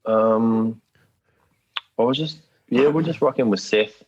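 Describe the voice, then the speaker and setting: A man's voice: medium pitch, takes it slowly, darkish tone, breathy edge. A man with a New Zealand accent chatting casually as an interview guest, slangy, matey and laid-back. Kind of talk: casual chat. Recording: dull lo-fi call audio.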